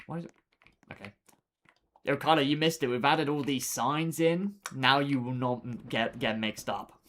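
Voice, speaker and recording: A young man with a medium-pitched, fairly bright voice chats casually with viewers at a normal pace while playing a building game on a live stream. He's laid-back and talkative, laughing often and trailing off with fillers, and faint keyboard clicks can be heard behind him.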